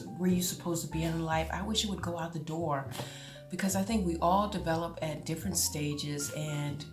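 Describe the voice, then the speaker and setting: A woman in her late forties vlogs casually to the camera in a low voice, chatty and laughing often with drawn-out exclamations. The room echoes and music plays behind her.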